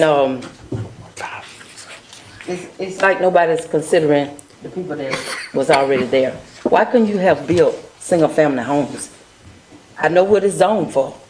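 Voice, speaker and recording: Lady on city council, earnest and halting, talking into a desk mic, faint hiss. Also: deep voice, darkish tone. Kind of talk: council meeting remarks. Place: council chamber at a dais. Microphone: desk microphone.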